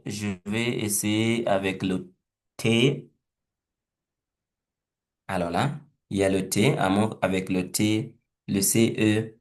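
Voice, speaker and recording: A man leading a teaching webinar, thinking aloud slowly and hesitantly as he walks through a word game. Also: on the low side, steady tone. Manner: slow, hesitant, thinking aloud with repeated words.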